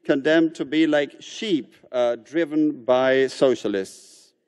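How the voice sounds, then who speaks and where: A man interpreting a political speech live, in a measured, somewhat halting delivery. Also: mid-range voice, darkish tone.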